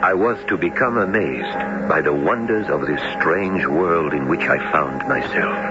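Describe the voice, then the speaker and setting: A courteous, learned professor in a radio drama, low in pitch and very expressive. He sounds formal, earnest and full of wonder. The recording is muffled, with loud music behind him. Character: learned, courteous, awestruck gentleman professor narrating his voyage. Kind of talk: radio drama acting and narration.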